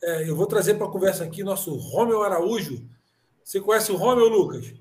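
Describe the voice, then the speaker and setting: A man's voice: sits high, lively intonation, a little fast, darkish tone, echoey room. A man hosting a live stream interview, asking short questions and welcoming guests. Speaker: host.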